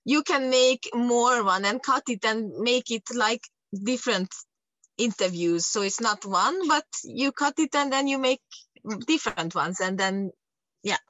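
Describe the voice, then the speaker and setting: A woman's voice: on the high side, animated, measured pace, a bit bright, dry recording, lo-fi sound. A woman in casual chat, explaining her plans at length and repeating her points.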